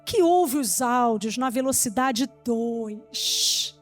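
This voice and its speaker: An older woman with a Brazilian Portuguese accent preaching a sermon in church, telling lively stories and acting out dialogue. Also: on the high side, slow pace, no echo, faint music behind.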